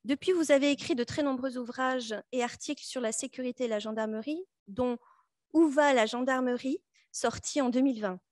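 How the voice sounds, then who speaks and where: High-voiced woman moderating formally. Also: brisk, darkish tone, no room sound, clean studio sound. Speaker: moderator introducing speakers. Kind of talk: prepared formal introduction.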